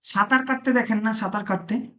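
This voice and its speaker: A man's voice: high-pitched, fairly even intonation, brisk, pushed and bright, slight background noise. A man teaching a classroom language lesson, asking his students questions and repeating their answers. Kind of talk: classroom lesson, live-streamed. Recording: dull lo-fi classroom audio.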